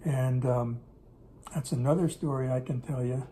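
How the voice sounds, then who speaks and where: The older man's mellow, mid-range voice holds a fairly even intonation at a normal speed. In an informal interview at his home kitchen table, he looks back on business in Russia, meandering and correcting himself as he goes, while a camera on the table in front records him.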